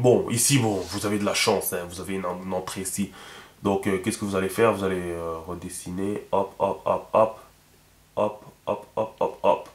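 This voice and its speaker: A man explains a lesson in a loose, conversational way, stopping for fillers, repeating words and asking his listeners if they follow. His voice sits low. The recording is echoey, as if made in a bare room, and he sometimes drifts away from the mic. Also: fairly bright tone. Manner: thinks aloud, many fillers and repeated words, checks in with listeners. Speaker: teacher.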